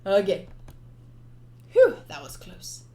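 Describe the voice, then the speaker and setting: A woman's medium-pitched voice reads a visual novel slowly and theatrically on stream, playful and expressive, with casual commentary mixed in. Game music plays behind her.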